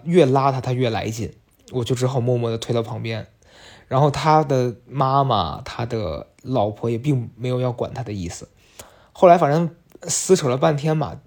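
A man's voice: medium pitch, vocal fry, darkish tone. A young man hosting a podcast, telling a personal story in a chatty, confiding way and speaking straight to his listeners. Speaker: podcast host. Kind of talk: casual storytelling monologue.

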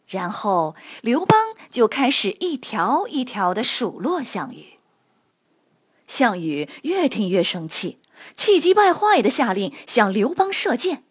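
Lively husky woman storyteller for kids. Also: on the high side, measured pace. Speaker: children's history storyteller. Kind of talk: scripted narration for children.

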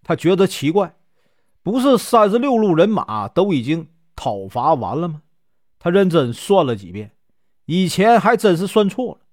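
A man telling a classic legend in a casual, chatty storytelling way, with lots of drawn-out filler particles. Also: high-pitched, very animated, no room sound, studio quality.

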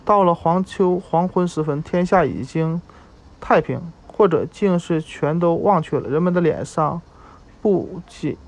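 A man reading a story aloud at a slow, measured pace, with occasional halting restarts. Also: a little high, darkish tone. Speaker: narrator.

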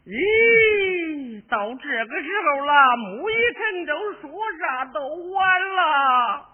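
A meek henpecked young master, very high voice, slow, tinny phone sound. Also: male voice, sing-song, full character voice. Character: weak-willed young master, henpecked husband. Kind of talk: Henan opera spoken dialogue.

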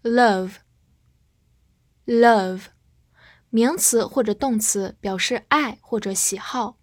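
A woman teaching a vocabulary review lesson, repeating each English word twice before giving its meanings in a slow, deliberate way. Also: on the high side, dry recording, clean studio sound.

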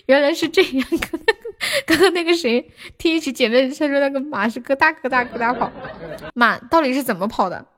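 A woman's voice: high voice, brisk, a bit bright, some chatter behind. A playful young woman from Sichuan chatting on a livestream while gaming, giggling and letting out yelps and shrieks. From Sichuan, China.

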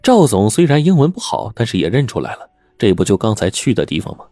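A low-voiced man telling a story with animated, swinging pitch. The recording is dry and close, with light background music. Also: fast, dry recording. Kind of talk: oral storytelling narration.

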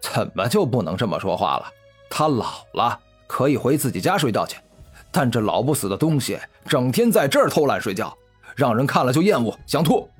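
A man's voice: medium pitch, very animated, a little fast, breathy edge, soft background music. A man voicing an arrogant, insolent rich young bully who sneers at an old man. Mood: sneering.

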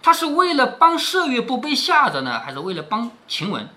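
A man's voice: very high-pitched, wildly swooping pitch, brisk, bright, forceful tone. A middle-aged man reading a classic novel aloud to his daughter, stopping often to explain and asking rhetorical questions.

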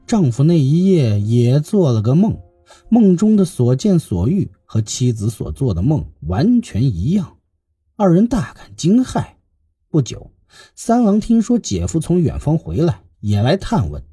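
A man narrating a classical tale in a lively, expressive reading as the storyteller of his channel. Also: on the high side, a little slow, breathy edge, no echo, clean studio sound, faint music behind.

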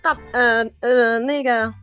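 A woman's voice: fairly high pitch, fairly even intonation, takes it slowly, a bit bright, lo-fi sound, faint music behind. Giggly woman joining a live game. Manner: giggly, hesitant. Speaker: game player on a livestream. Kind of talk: casual chat.

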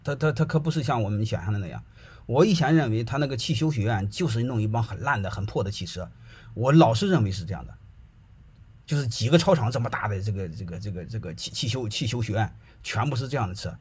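Husky-voiced middle-aged male storyteller, chatty and colloquial, keeps checking in with the audience. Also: on the low side, expressive, quick pace. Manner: chatty, colloquial, often checks that listeners follow. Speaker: speaker telling anecdotes.

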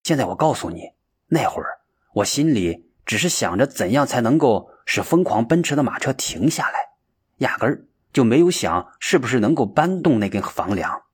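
A man voicing the young Huineng, a calm, earnest and dreamy seeker who muses aloud, in a storybook reading. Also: mid-range voice, moderate pace, husky. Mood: explaining.

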